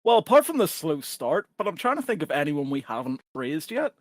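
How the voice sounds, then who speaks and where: A man's voice: fairly high pitch, sing-song, a little fast, no room sound, studio quality. A man with a London accent co-hosting a fan podcast, sarcastic and swearing freely in casual chat. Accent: London English. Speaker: podcast co-host.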